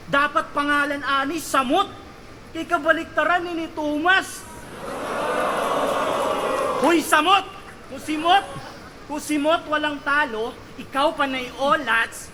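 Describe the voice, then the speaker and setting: A man performing a battle rap verse, taunting his opponent with punchy lines and shouted punchlines. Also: very high-pitched, slight background noise. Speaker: battle rapper.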